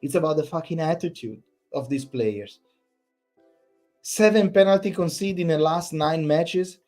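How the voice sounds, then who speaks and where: A man's voice: fairly high pitch, unhurried, a little mellow, soft background music. A man, hosting a fan channel, giving an exasperated, repetitive post-match rant full of swearing.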